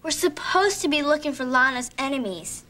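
A woman's voice: high voice, expressive, moderate pace, pushed and bright, slight background noise. A young teenage girl playing an earnest kid detective who leads her friends in a TV drama. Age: young teen.

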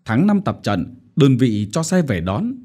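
A man's voice: medium pitch, very animated, a little slow, mellow, slightly rough. A man voicing a hearty middle-aged army general who speaks approvingly, read in an audiobook.

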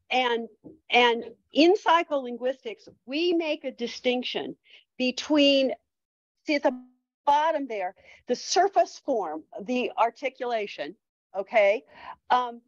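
A woman's voice: on the high side, dry recording, lo-fi sound. A woman giving an academic lecture, thinking aloud with frequent restarts and fillers.

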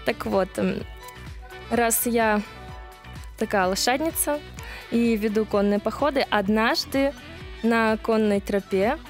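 A woman's voice: a little high, slow pace, long pauses, soft background music. A woman in her thirties speaking as a studio interview guest, telling stories conversationally. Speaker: interview guest, nature park founder. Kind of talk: conversational storytelling. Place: small TV studio.

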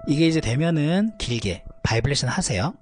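A man teaching a vocal lesson, calmly explaining technique between high belted demonstrations. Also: a little fast, music in the background. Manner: explains calmly, then belts high shouted notes. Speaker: vocal coach.

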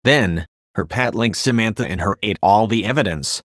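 A man narrates his own crude comic story in a flat, deadpan read. His voice sits on the low side. The recording is close and completely dry. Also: moderate pace, dry recording.

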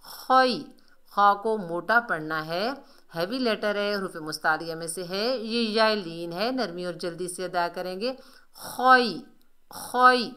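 A woman teaches Quran recitation rules in a tajweed lesson, patiently walking through pronunciation step by step and drawing out recited words as examples. She speaks unhurriedly, with a fairly low, slightly bright voice.

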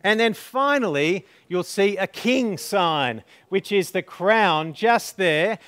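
A man pastor with a fairly high voice runs a Christmas story at a church service. He talks slowly and playfully, coaching the crowd through call-and-response prompts. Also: expressive, fairly bright tone. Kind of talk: leading a Christmas children's story.

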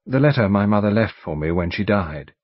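In a dull lo-fi recording with no echo, a man with a lowish, expressive voice reads an audiobook at a brisk clip. He voices an earnest, determined young woman who speaks insistently, and the mood is grave.

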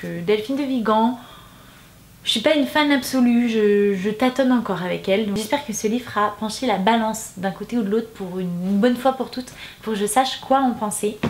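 A woman's voice: on the high side, echoey room. A woman vlogger chatting casually about her reading list, jokey and self-mocking. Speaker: book vlogger. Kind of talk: casual chat to camera.

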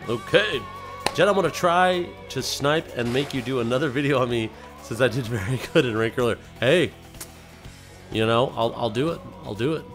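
A man's voice: medium pitch, normal speed, fairly bright tone, faint music behind. Playful man hosting a game stream. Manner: loose and playful, talks to chat, slips into silly voices. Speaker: livestream host. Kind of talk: casual livestream chat.

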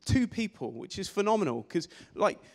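A young man preaching a sermon on a church stage with a handheld mic, energetic and gesturing, often repeating words as he restarts phrases. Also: high-pitched, moderate pace, gravelly. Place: church stage in a large hall. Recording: long hall reverb.

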